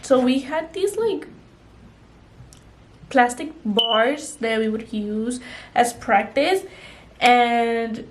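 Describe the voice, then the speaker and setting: Doing her makeup on camera, a young woman beauty vlogger rambles casually, filling her speech with "like" and "you know." She has a fairly high voice and speaks very slowly, leaving long pauses.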